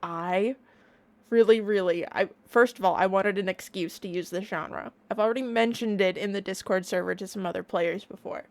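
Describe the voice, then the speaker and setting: Casting: woman, online reaction streamer, casual excited chat, playful and enthusiastic delivery, mid-range pitch. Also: normal speed. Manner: bubbly, playful, gushing enthusiasm.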